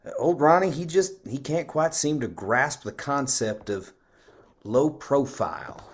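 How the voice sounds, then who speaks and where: A man's voice: medium pitch, measured pace, background noise, close to an everyday voice. A man reading the part of a polite, sly small-town sheriff with a friendly drawl. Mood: folksy.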